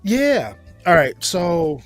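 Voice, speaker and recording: A man telling a story in a casual chat, animated and profane, breaking into high yelps as he acts out being scared. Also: slow, dry recording, faint music behind. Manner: animated, profane, jumps to loud high yelps when acting out his fright. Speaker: podcast host.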